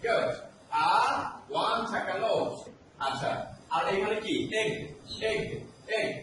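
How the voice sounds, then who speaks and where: A man's voice: sits high, slow pace. A man with a Bangladeshi Bengali accent teaching an English grammar lesson, drilling sounds and asking question after question. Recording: echoey room from far off, noisy.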